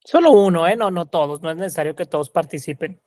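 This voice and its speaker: Man, workshop facilitator, slow questioning delivery, dry close sound. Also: fairly high pitch, warm tone, no room sound. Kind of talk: coaching workshop talk.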